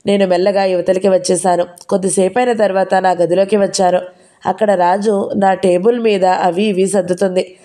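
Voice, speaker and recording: A woman narrating a novel in the first person with steady storytelling. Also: mid-range voice, normal speed. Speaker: audiobook narrator.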